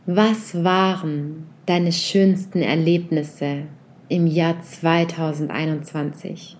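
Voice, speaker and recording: A woman guides a reflective meditation, softly and unhurriedly putting gentle questions directly to the listener. Her voice is low-pitched and slow with fairly even intonation, over a little hiss or hum.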